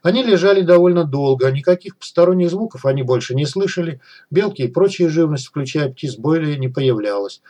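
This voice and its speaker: Middle-aged male audiobook reader, husky tone, even read with light character voicing. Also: a little high, a little fast. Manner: reads dialogue with small raised voices for characters. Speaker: audiobook narrator. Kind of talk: scripted narration.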